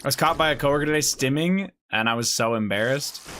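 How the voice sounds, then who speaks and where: A man's voice: mid-range voice, fast, sharp tone, a little hiss or hum. A man streaming a game and chatting casually with his viewers, swearing and joking as he plays. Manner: loose, swearing, joking with chat. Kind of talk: casual live-stream chat.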